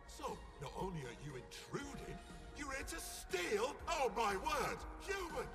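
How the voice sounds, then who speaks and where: A man's voice: very high-pitched, wildly swooping pitch, a little slow, heavily acted. A man voicing a grumpy, indignant old male turtle in a video game, haughty and blustering. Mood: outraged. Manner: haughty, blustering, theatrically affronted. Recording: game music behind the voice.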